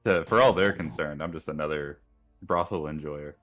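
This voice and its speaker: A man's voice: extremely low pitch, normal speed, fairly bright tone, soft background music. A man playing a tabletop game, talking playfully and laughing through his lines. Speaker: player. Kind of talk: casual tabletop game chat.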